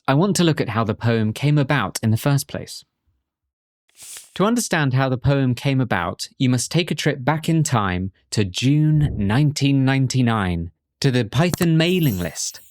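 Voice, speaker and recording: A man narrating a scripted programming course as instructor, in a clear, measured way with light humor. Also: medium pitch, no room sound, clean studio sound.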